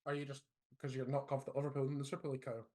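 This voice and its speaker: A man's voice: medium pitch, level tone, racing, mellow. A man co-hosting a casual football podcast, blunt and opinionated. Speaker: podcast co-host.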